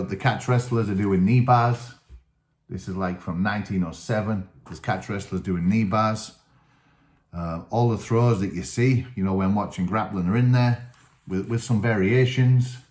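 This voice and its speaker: A man's voice: fairly low pitch, darkish tone. A man with a Teesside accent from north-east England, a coach talking informally and enthusiastically to his channel's viewers, often repeating his phrases. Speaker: wrestling coach and channel host. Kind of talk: informal talk to camera for a video channel. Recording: echoey, reverberant room.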